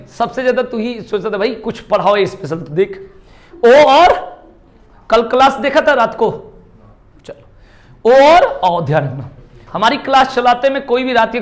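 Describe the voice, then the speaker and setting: A man with a strikingly high voice lectures to a classroom. He is lively and repetitive, sounding each letter aloud and coaxing his students to copy him. He sometimes drifts away from the mic as he moves around the room. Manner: calls students "bhai" often. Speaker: teacher.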